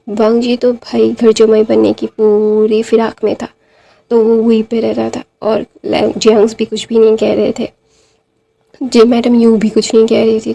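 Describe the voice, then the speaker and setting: A woman's voice: fairly high pitch, gravelly, dark tone. A woman casually retelling a fan-fiction story, chatty and full of fillers. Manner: chatty, many fillers like "to wahan pe na".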